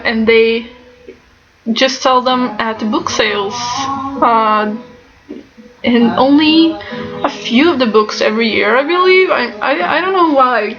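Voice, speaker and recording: Congested, blocked-nose woman, higher-pitched. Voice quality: blocked-nose, congested nasal sound, as with a broken nose. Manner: halting, often breaking into small laughs. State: stuffed-up nose. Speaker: book vlogger. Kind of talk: casual chatty book haul. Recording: slightly dull, lo-fi sound.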